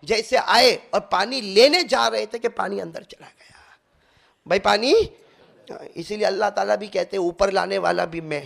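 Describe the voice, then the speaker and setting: A man giving an impassioned sermon, swinging from loud to hushed and calling his listeners friends and brothers. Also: high-pitched, vocal fry. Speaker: preacher.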